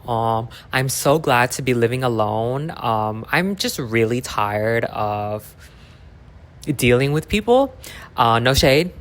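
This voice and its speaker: A young adult woman hosting a casual, chatty podcast at home, rambling and interrupting herself with lots of slang in an echoey room. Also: extremely low pitch. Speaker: podcast host. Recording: echoey, sparsely furnished room.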